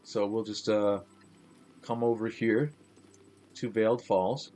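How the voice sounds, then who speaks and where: Rambly guy streaming a game, chatty and unhurried, soft music behind. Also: fairly low pitch, level tone. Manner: rambling, with many fillers and restarts. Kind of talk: casual live gaming chat.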